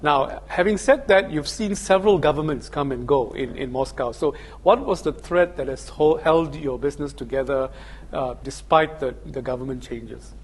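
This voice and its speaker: A man's voice: a little high, normal speed, husky. A man interviewing a business leader, asking long, probing questions with frequent restarts.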